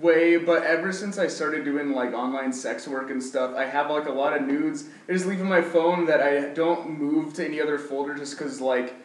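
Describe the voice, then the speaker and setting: A man's voice: on the high side, moderate pace, few pauses, far from the mic. A man co-hosting a podcast in casual chat, hesitant and rambling with restarts. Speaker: podcast co-host. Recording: echoey room, faint background noise.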